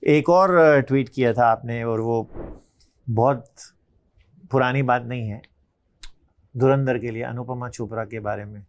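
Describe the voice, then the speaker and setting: A man's voice: medium pitch, a little slow, pauses often. A man with an Indian accent, interviewing a guest with probing, direct questions in mixed English and Hindi.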